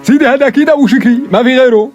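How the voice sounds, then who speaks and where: رجل يؤدي تابعاً متملقاً بصوت رفيع عالٍ، بلهجة سورية. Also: male voice, very high voice, racing, darkish tone, lo-fi sound, faint music behind. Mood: fawning, eager. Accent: Syrian Arabic. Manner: fawning, eager. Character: servile, scheming male henchman eager to please boss. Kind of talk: parody dub of a TV drama.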